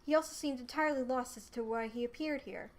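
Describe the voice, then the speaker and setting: High-voiced young woman reading a story aloud. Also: fast talker. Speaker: streamer. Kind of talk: live storybook read-aloud narration.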